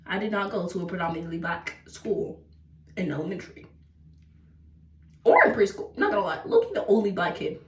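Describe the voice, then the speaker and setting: A woman's voice: medium pitch, huge pitch swings, brisk, pauses often, distant mic. A young woman telling a dramatic, slangy storytime while getting ready at home. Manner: chatty, dramatic, slangy, breaks into sing-song bits. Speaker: vlogger. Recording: roomy echo, voice a bit off-mic.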